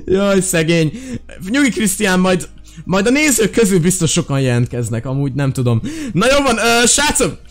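A young man with a high voice narrates a video game as a YouTuber in lively let's-play style. He gets excitable and breaks into shouts when things get tense. Faint game music plays behind him. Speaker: gaming YouTuber. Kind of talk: energetic let's-play commentary.

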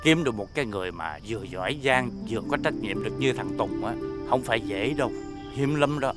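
An actor as an old grandfather, fond and coaxing, mid-pitched, music underneath, TV drama. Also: lively intonation, fairly quick, lightly acted. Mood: amused. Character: doting, shrewd old grandfather at family dinner. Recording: background music.

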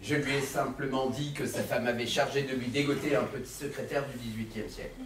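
Actor playing a slippery clerk, mid-pitched voice, echoey hall, distant mic. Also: male voice, steady tone, brisk, noisy background, lightly acted. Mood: evasive. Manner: evasive, slightly stammering explanations. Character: ambitious, smooth-talking young male notary clerk. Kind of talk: amateur stage comedy. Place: theatre stage.

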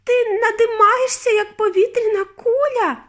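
A woman's voice: very high voice, normal speed, pitched above the performer's own voice. A woman voicing a panicked mother who screeches and wails in an audiobook reading. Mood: wailing panic. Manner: screeching, wailing, near tears. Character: shrieking panicked mother, middle-aged woman.

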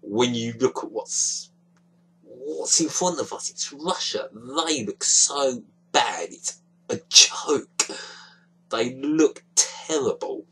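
In a small, dim room, a young man reacts to a football match into a close-range webcam, frustrated and disappointed and gesturing a lot with his hands. His mid-range voice is slow, a bit bright, and husky, and the recording is low quality.

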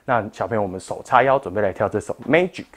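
A man's voice: fairly low pitch, lively intonation, quick pace. A man with a Taiwanese Mandarin accent, teaching a parent-child exercise class and patiently explaining each move to parents.

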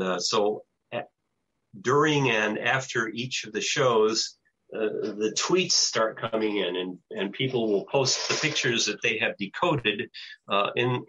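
An older American man, a radio show producer, gives an informal presentation and takes questions over a video call, speaking haltingly and hesitantly in a lowish voice that sounds pushed and bright. He is indoors in a small home office with bookshelves, using his computer mic, and the audio is dull and lo-fi.

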